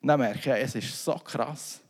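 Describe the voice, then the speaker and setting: A man's voice: mid-range voice, normal speed. A man preaching a sermon in a loose, conversational way full of asides and restarts. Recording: long reverb of a hall.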